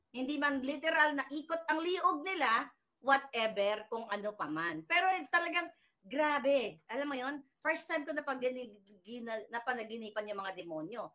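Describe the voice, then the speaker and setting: A woman vlogger from the Philippines casually recounting a dream in a chatty, rambling way, with many restarts and fillers. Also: high voice. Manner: animated retelling of a dream. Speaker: political commentary vlogger. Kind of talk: casual storytelling monologue.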